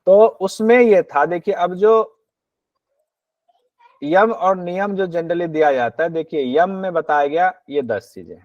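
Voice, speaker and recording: Male yoga teacher, a bit high-pitched, lecturing on old texts; dull, dry, muffled recording. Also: no room sound. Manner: slow measured Sanskrit recitation, then explains in plain talk; asks and answers his own questions. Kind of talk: exam-prep lecture on a yoga text.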